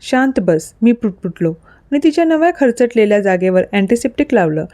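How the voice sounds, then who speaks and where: A woman narrates a dramatic story with expressive storytelling. Her voice is fairly high and warm. The sound is close and dry. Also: brisk, no room sound. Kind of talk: scripted narration of an audio story.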